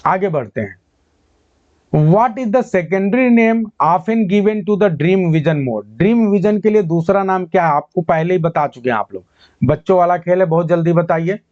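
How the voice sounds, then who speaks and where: A male teacher with a high voice runs an online exam-prep class. He calls out questions, reads English prompts slowly word by word, and cheers on his students' answers. The sound is dry and a little dull. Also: darkish tone, dry recording. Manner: quizzes students, praises answers, mixes English terms into Hindi.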